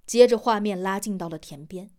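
A woman narrating a novel as an audiobook in measured storytelling style, giving voice to every character. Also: medium pitch, darkish tone.

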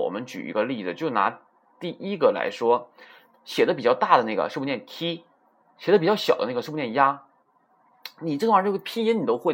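A man's voice: mid-range voice, fairly bright tone. A man teaching a beginner class, patiently explaining step by step and repeating rhetorical questions. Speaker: Japanese teacher. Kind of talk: classroom lecture.

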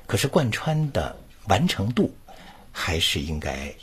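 A man's voice: very animated, measured pace, a bit bright. A man teaching recitation over an online voice chat, reading lines aloud as examples and explaining where the stresses fall. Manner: demonstrates lines with wide pitch swings.

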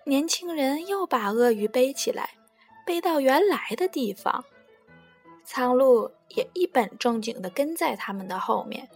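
A woman narrating a bedtime story for young children in a gentle, soothing way. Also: high-pitched, expressive, unhurried, slightly rough, faint music behind.

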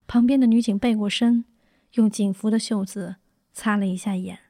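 A woman reading her memoir aloud in a calm, subdued, reflective way. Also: mid-range voice, normal speed, dry recording, studio quality. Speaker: narrator.

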